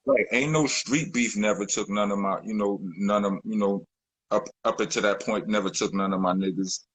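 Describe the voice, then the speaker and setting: A rapper guest talks in a loose, rambling way in a casual interview, full of fillers and restarts. His deep, husky voice moves at a moderate pace on a dry recording of poor audio quality.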